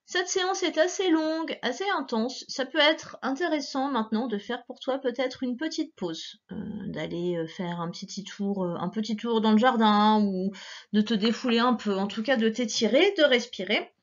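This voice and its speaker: A woman teacher giving a patient, slow syllable dictation to a child, spelling out letters one by one and softly breathing out the sounds. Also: a little high, dull audio.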